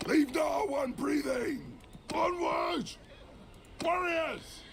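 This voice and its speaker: An actor voicing a bold, heroic warrior leader calling out battle orders in a video game, his voice pitched up artificially. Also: extremely slow, slight background noise, full character voice. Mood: bold, commanding. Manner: bold, heroic, shouted commands.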